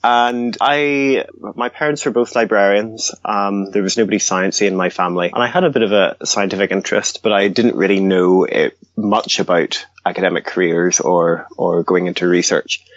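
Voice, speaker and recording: Low-voiced man, hesitant interview guest. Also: fairly even intonation, moderate pace, no room sound, dull audio. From Northern Ireland, raised in Scottish Highlands. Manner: hesitant, many ums and restarts. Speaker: guest, research advocacy director. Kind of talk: interview conversation.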